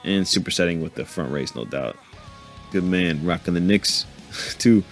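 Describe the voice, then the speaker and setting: Laid-back deep-voiced man over faint music. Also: moderate pace, fairly bright tone. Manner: laid-back, joking, laughs to himself. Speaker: fitness vlogger narrating his workout. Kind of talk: casual voice-over commentary.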